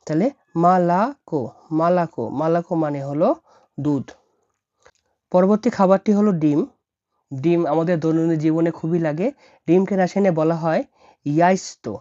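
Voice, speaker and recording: Woman teacher, very low voice, mellow tone, dull dry recording, repeats each word. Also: moderate pace, long pauses, dry recording. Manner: spells words out letter by letter, repeats each word. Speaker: language teacher. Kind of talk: slow explanatory lesson.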